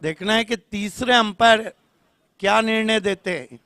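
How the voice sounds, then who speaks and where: A man giving live cricket commentary, full of quips, who jumps to loud calls on big moments. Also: sits high, a little slow, dry recording.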